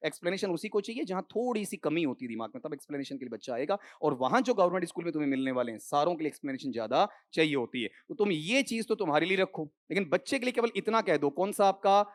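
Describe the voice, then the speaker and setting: A man's voice: a little high, expressive, rapid-fire, hardly any pauses. A man runs a classroom lesson on English grammar for an exam. He keeps firing questions at his students, repeats the key words, and calls them "sahab" and "beta" as he talks. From India. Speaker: English teacher. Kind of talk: exam-prep classroom lecture.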